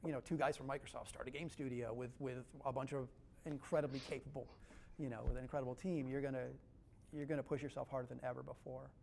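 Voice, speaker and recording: A man is interviewed as a game developer. He talks fast and fairly evenly, with plenty of fry in the voice and a faint rumble behind. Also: little pitch movement, darkish tone. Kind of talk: documentary interview.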